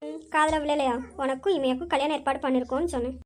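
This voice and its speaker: A woman's voice: high-pitched, steady tone, very fast, natural voice. A woman voicing a scheming, spoiled young granddaughter who plots a forced marriage. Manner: sly, plotting.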